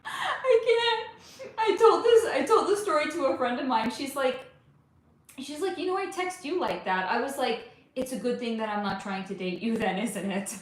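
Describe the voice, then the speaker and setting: A woman in her forties, a spiritual reader chatting on a live stream, reading viewer comments aloud in a chatty, animated way with casual swearing. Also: high-pitched, moderate pace, echoey room. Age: 40s.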